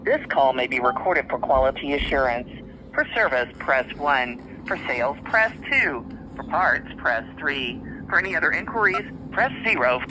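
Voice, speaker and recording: A man's recorded automated phone menu, heard over a phone speaker, reading even prompts. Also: medium pitch, normal speed. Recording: distant noisy phone speaker.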